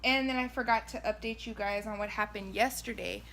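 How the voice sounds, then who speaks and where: Woman, bright voice, casual vlog chat, rambling informal delivery, background noise. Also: medium pitch, fairly even intonation, a little fast, poor audio. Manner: informal, rambling, self-questioning. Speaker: vlogger.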